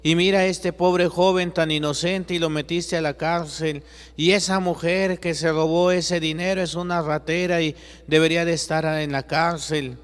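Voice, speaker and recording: Guy doing a high, loud, fed-up man yelling from a cross, long echo. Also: steady tone, moderate pace, clear, resonant tone, natural voice. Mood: angry. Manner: loud, pleading, exclaiming. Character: agitated man scolding from a cross, indignant. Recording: long echoey reverb.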